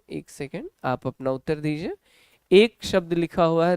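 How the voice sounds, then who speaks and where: Indian male English tutor, clear close voice, dry sound, slow drilling of words. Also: fairly high pitch, a little mellow, dry recording. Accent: Hindi-speaking North Indian. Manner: drills words slowly, asks and answers own questions. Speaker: English teacher. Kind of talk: online class lecture.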